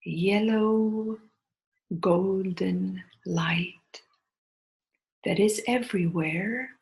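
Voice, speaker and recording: In a breathy, calming voice that keeps slipping toward a whisper, a woman leads a guided meditation, pausing at length between short phrases. Her voice is mid-range.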